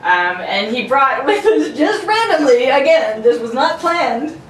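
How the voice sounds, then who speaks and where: A woman hosts and announces with playful, jokey delivery and giggly asides, giving a joking introduction before reading an old-radio script. Her voice is high and unhurried with big pitch swings, picked up by a distant mic in a roomy space with faint noise.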